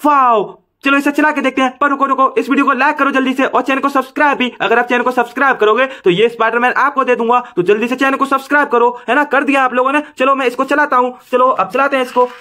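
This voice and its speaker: A man narrating toy play for children, excited and exclaiming often. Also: very high voice, fast, hardly any pauses. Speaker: toy video host.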